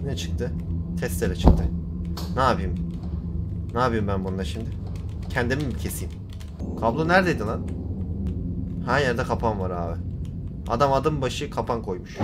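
A man commentating a horror game for his channel, exasperated, swinging between low mutters and loud outbursts. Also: very noisy. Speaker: gaming YouTuber.

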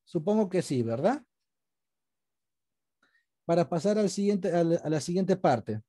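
Male teacher, patient and step-by-step, video call, very animated pitch. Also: a little slow, husky. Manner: patient, explains step by step, asks students questions. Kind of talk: online class lesson.

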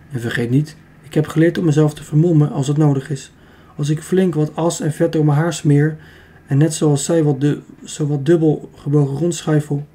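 A man reading an audiobook, voicing a self-assured young woman who calmly argues her plan. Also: a little high, lightly acted. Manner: calm, persuasive. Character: very young woman, confident and clever.

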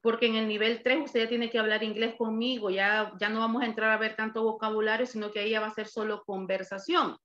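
A woman teaching an English class over a video call, modeling words slowly and carefully. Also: a little high, fairly even intonation, fairly bright tone, lo-fi sound.

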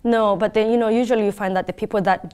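Brief: woman in her thirties, gentle interview host, lapel mic. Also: medium pitch, steady tone, rapid-fire, clear, resonant tone. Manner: soft-spoken, encouraging, frequent "yeah" and "mm". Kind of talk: conversational interview. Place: hotel lounge, indoors.

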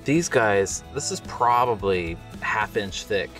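A man's voice: fairly low pitch, lively intonation, slow, a bit bright, soft background music. A man in his thirties vlogging aboard a catamaran, chatting to viewers while he works on a project. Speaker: boat owner vlogger. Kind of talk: casual vlog talk. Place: aboard a catamaran, partly in a small cabin.

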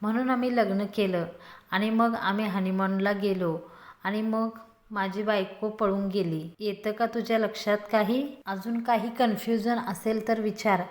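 A woman's voice: mid-range voice, steady tone, moderate pace, lightly acted. A woman voicing a playful, scheming young man who talks in a teasing, mock-dramatic way.

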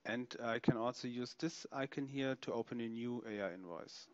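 A man narrating a software product demonstration, explaining features step by step as he clicks through them. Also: medium pitch, moderate pace, clean tone, no echo, lo-fi sound. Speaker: software demo presenter.

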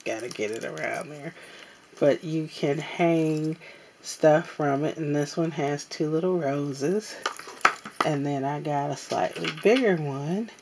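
A woman casually showing off her craft supply haul at a table, talking in an unhurried way with many ums and pauses. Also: deep voice, background noise. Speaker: crafting vlogger. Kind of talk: casual haul show-and-tell. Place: indoors at a tabletop.

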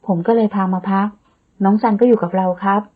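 A steady young man, voiced by a woman narrator, speaks in a serious, measured way. The breathy voice sits in a dull, lo-fi recording. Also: mid-range voice, lightly acted.

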